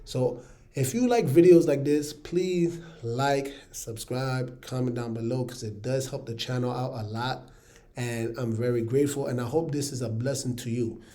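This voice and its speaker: A man teaching a casual online music lesson in a relaxed way, often checking in with his viewers. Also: mid-range voice, moderate pace. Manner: relaxed, checks in with "all right, you guys".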